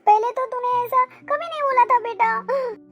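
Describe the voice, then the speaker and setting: A shrill, very high voice for a woman playing a cartoon mother-in-law, scolding and self-pitying. She complains melodramatically and plays the wounded elder. Faint music runs behind her. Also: animated, normal speed, dull audio. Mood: aggrieved. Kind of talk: cartoon family drama voice acting.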